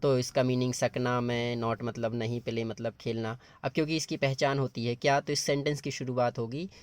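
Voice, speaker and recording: A man's voice: mid-range voice, flat delivery, normal speed, dry recording. A male teacher explaining grammar patiently, step by step, in a classroom-lesson style. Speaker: English teacher.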